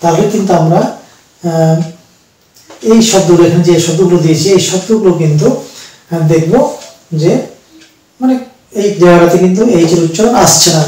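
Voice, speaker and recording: A man with a fairly high voice gives a patient pronunciation lesson, repeating himself and pausing with fillers. He sits back from the mic in a very echoey room, so his voice rings around the space. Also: mellow, distant mic. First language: Bengali. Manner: slow, repetitive explaining with fillers. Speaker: English teacher.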